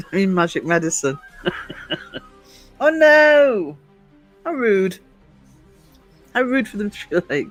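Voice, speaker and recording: A woman in her fifties chatting casually with viewers on a livestream, rambling and chuckling often. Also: fairly low pitch. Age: 50s. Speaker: livestream host.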